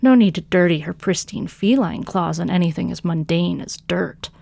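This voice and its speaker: A woman, the author and narrator of a fiction podcast, reading her own story in a measured way that slows for dramatic lines. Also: fairly low pitch, gravelly, darkish tone, dry recording.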